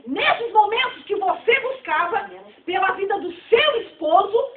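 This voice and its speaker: High-voiced fervent Brazilian woman preaching. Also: animated, a little slow, slight background noise. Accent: Brazilian Portuguese. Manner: fervent, emphatic preaching that swells into shouting. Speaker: preacher at a church fellowship. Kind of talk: sermon. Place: church hall. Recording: tinny, distant, echoey church recording.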